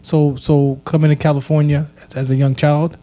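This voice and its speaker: Mellow-voiced man hosting a podcast. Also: fairly high pitch, flat delivery, moderate pace. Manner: reflective, repeats words as he restarts. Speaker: podcast host. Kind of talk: casual podcast conversation.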